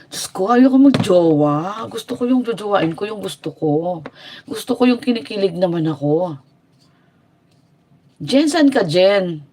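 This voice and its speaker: A woman's voice: lowish voice, animated, normal speed, warm tone, slight background noise. A woman from the Philippines hosting a casual livestream, chatty and sassy as she mixes Tagalog and English. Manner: sassy and teasing. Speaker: livestream host. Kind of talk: casual live-stream chat.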